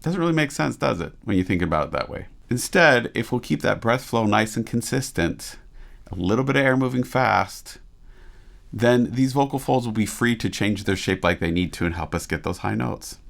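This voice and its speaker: A man's voice: on the low side, lively intonation, normal speed, gravelly, a bit bright. A man working as a vocal coach, reacting to a performance with casual, enthusiastic teaching commentary and frequent rhetorical questions.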